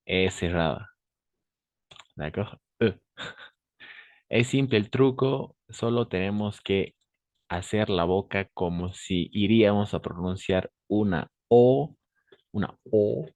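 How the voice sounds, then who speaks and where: A man's voice: lowish voice, slow pace, a little mellow, no echo. A man who speaks Spanish natively teaches French pronunciation to Spanish speakers, patiently repeating words and checking in with his students. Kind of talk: online language lesson.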